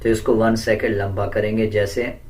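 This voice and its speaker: A man teaching Quran recitation step by step in a patient, deliberate way, correcting common mistakes. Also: on the low side, flat delivery, darkish tone, far from the mic. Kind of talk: step-by-step pronunciation lesson.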